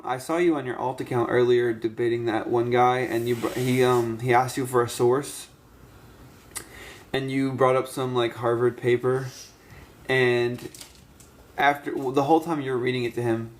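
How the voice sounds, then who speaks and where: In his late twenties, a man hosts a live stream, chatting casually and pressing a guest with questions while cutting in to finish his point. His voice is medium-pitched and level, at a moderate pace, with a little hiss or hum in the audio. It's casual live chat and debate.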